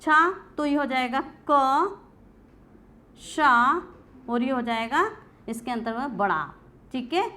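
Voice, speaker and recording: A woman's voice: high voice, fairly bright tone. A woman teacher giving a classroom grammar lecture, asking questions and answering them herself. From India. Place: coaching class.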